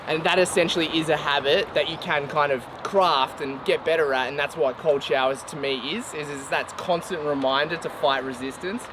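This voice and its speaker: A man's voice: a little high, steady tone, normal speed, hardly any pauses. A man talking candidly to camera while sitting in ice cold water, uncomfortable and in pain, with blunt, sweary, self-mocking delivery. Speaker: vlogger doing endurance challenges and coaching. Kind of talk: candid talk to camera during a challenge. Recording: clearly noisy outdoor background.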